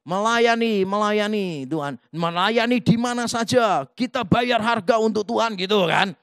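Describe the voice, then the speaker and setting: Male pastor, high voice, dry close sound, animated sermon with acted-out dialogue. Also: measured pace, no room sound. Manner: lively storytelling, acts out quoted dialogue; mixes in English phrases.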